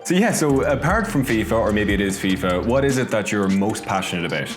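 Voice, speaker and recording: A man's voice: lowish voice, expressive, fairly quick, music in the background. A man with an Irish accent, hosting a casual interview and putting questions in a conversational way. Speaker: interviewer, host.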